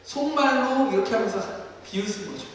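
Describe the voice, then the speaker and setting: A male pastor preaching a sermon in an animated way, acting out scripture scenes in different voices, in a basement studio used for church services. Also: extremely high pitch, a little fast, a little hiss or hum. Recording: echoey hall from far off.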